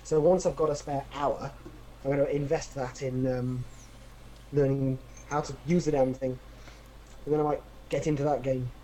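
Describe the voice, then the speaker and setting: An easygoing man chatting on a podcast, mid-pitched and wry. He thinks aloud as he talks. A faint hiss sits under his voice. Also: level tone, moderate pace, dark tone, rough recording. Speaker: podcast co-host. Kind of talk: casual chat.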